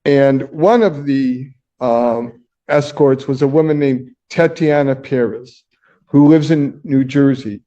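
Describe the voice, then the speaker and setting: A man's voice: medium pitch, warm tone, dull audio. A man working as defense attorney, arguing formally before the judge and reading from case documents, heard through a courtroom recording. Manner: formal, measured, addresses the judge. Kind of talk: courtroom argument.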